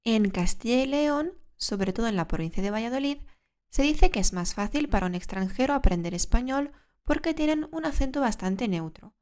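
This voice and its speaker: Clear-spoken woman teaching Spanish. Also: on the high side, animated, a little mellow. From Spain. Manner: clear, measured explaining, asks the listener questions. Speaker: Spanish teacher and podcast host. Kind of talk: scripted podcast lesson for learners.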